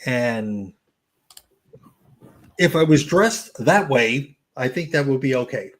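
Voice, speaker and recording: A man's voice: mid-range voice, lively intonation. Joking, rambling New Jersey man. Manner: rambling, joking, halting restarts. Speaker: channel host. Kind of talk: casual chat.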